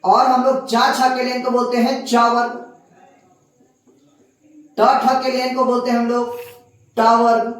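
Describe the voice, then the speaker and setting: A woman's voice: fairly high pitch, little pitch movement, distant mic. Woman teacher in a very echoey room. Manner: patient, explains step by step, sounds out letters slowly. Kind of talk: classroom lesson.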